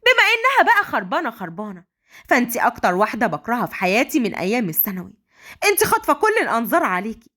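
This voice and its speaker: A woman's voice: fairly high pitch, fairly bright tone. A woman voicing a jealous, bitter young female student. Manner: resentful, spiteful outburst.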